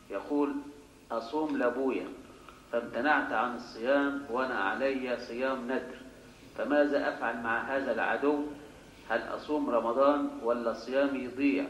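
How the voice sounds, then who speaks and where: A man's voice: medium pitch, muffled recording, a little hiss or hum. Man reading letters in an echoey mosque. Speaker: reader of submitted questions.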